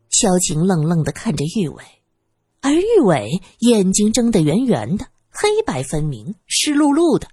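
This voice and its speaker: A woman tells an audiobook story, with a lively, swooping delivery and a husky, breathy tone. The sound is dry and close, with faint music running beneath her. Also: on the low side, no echo. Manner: expressive, dramatic storyteller. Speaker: audiobook narrator. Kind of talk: storytelling narration.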